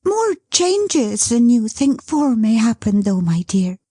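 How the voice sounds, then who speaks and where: Dot, a woman voicing a breathless excited young wife. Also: slightly rough, dry recording, clean studio sound, heavily acted. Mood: gentle. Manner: rushed, fluttering, high-strung.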